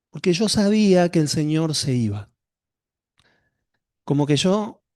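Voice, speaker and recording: Male pastor, higher-set voice, dry close sound, conversational testimony. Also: darkish tone, no echo. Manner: conversational storytelling, addresses the congregation directly. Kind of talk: sermon with a personal testimony.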